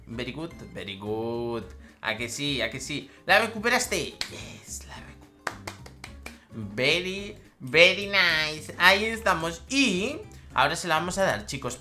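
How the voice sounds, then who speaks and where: A young woman chatters through her gameplay commentary, often repeating her words. Her pitch swoops widely and her tone is bright and sharp. Faint game music plays underneath. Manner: chatty, repeats phrases, bursts into squeals and laughs. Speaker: gaming YouTuber.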